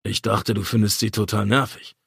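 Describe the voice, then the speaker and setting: A man's voice: on the low side, little pitch movement, normal speed, gravelly, a bit bright, breathy edge, dry recording, studio quality, full character voice. A man voicing a cheeky, crude young man who mocks his friend in an audiobook. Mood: teasing. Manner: mocking, cheeky.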